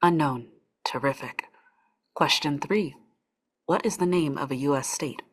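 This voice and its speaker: In a script table read, a woman with a low, husky voice plays a stoic corporate orientation facilitator who is politely chipper. She is brisk, procedural and artificially courteous, with an officious mood.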